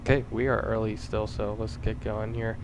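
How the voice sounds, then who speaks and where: A man speaking as an airline pilot over a cockpit headset, giving calm, steady callouts and a relaxed announcement to passengers from the flight deck. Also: fairly low pitch, moderate pace. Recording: steady aircraft noise behind.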